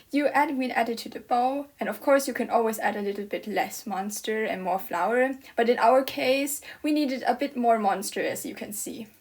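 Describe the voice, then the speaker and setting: Playful woman narrating her baking. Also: on the high side. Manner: playful, mock-dramatic asides. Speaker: co-host baking. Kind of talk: casual cooking vlog narration.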